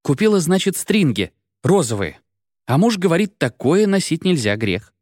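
A man reading an audiobook and voicing a chatty, naive young woman who rambles and pleads in a raised pitch. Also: big pitch swings, moderate pace, a little mellow, no room sound, clean studio sound. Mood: rambling. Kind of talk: audiobook character voice.

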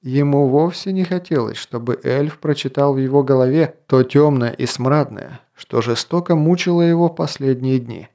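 A man reads a fantasy novel aloud with a mellow, dark-toned voice in the middle range. His delivery is measured and even, like a steady audiobook narration. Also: mid-range voice, vocal fry. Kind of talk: scripted narration.

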